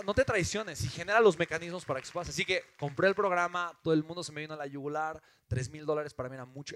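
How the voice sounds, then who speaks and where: A man with a Mexican accent giving an animated, emphatic motivational talk as a business mentor, often asking rhetorical questions. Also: medium pitch, no echo. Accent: Mexican Spanish.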